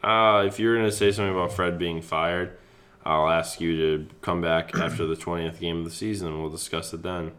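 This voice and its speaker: Man, young adult, very low voice, animated rambling basketball chat, swears a lot. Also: brisk. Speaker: podcast co-host. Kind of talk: casual sports chat.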